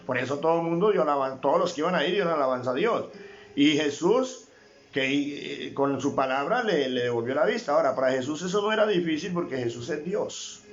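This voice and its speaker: Fervent Colombian pastor preaching, muffled sound. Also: male voice, on the high side. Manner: fervent preaching, repeats words for emphasis, addresses listeners as brother. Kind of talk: sermon on a Facebook Live stream. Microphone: livestream.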